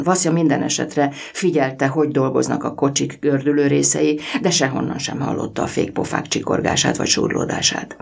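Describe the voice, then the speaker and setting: A male narrator reads a story aloud with lively, rising and falling intonation. His voice is strongly gravelly and a little husky. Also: on the high side.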